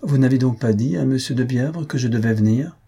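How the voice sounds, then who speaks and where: A man's voice: mid-range voice, fairly quick, dark tone, husky. A man voicing a cheerful young countess who speaks lightly and playfully.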